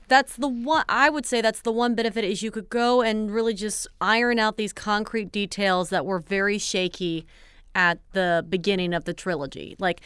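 A woman's voice: medium pitch, a bit bright, smooth, dry recording, studio quality. A woman co-hosting a podcast in casual chat, speculating in long run-on sentences. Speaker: podcast co-host.

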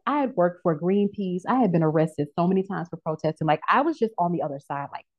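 A woman in her thirties, a podcast guest telling her career story in a casual chat, lively and acting out the voices of people she quotes. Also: lowish voice, fast. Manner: animated storyteller who acts out quoted voices. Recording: dull lo-fi audio.

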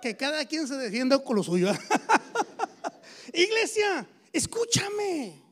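A man with a Mexican accent preaching a sermon as pastor, joking and animated, with sudden loud exhortations to his church. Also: very high voice, slow pace.

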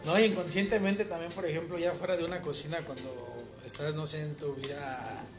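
A man's voice: fairly high pitch, steady tone, brisk. A man in a casual chat, thoughtfully explaining with examples. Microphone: phone. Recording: music clearly behind.

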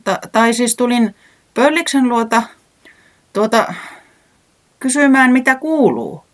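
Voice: mid-range voice, sing-song, pitched above the performer's own voice, lightly acted. A narrator putting on a fretful little weather-man. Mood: hesitant. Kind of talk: children's storybook reading.

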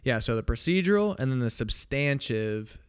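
A man's voice: medium pitch, normal speed, smooth. A man co-hosting a podcast, explaining legal ideas in a loose, rambling casual chat with restarts and jokey asides. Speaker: podcast co-host.

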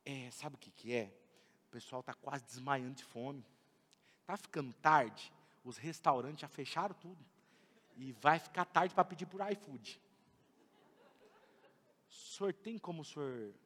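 Brazilian pastor doing peter, hungry shy disciple, low quiet mumbly voice, big hall echo. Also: male voice, unhurried, pauses often. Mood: sheepish pleading. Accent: Brazilian Portuguese. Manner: low, hushed, hesitant mumbling. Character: Peter, hungry sheepish male disciple, grown man. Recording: long church-hall reverb.

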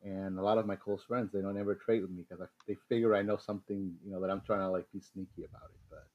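Rambly guy from mexico on a podcast, lowish flat voice, kinda muffled lo-fi mic. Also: quick pace. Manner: rambling, many fillers and restarts. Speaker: guest. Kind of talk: casual podcast chat. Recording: slightly dull lo-fi sound with faint noise.

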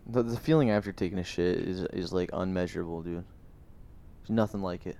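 Low-voiced laid-back young man. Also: a little fast, gravelly, dark tone. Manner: laid-back, crude, swears a lot. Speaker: podcast co-host. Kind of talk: casual chat.

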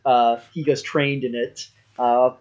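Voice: mid-range voice, level tone, slow pace, a little mellow, muffled recording. A podcast co-host talking casually and hesitantly, with many ums and a wry tone. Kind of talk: casual chat.

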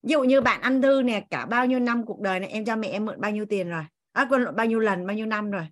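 A woman leads an online class over a video call. She speaks to the group as family and coaxes them along. Her voice sits at a middle pitch. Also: fast talker. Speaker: class teacher. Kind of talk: leading an online class discussion.

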